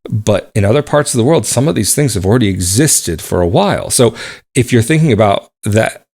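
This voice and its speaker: A man with a fairly low, slightly mellow voice hosts his own podcast, speaking fairly quickly with lively intonation. In a casual solo monologue, he talks at length in a conversational, rambling way, often restarting and qualifying his points.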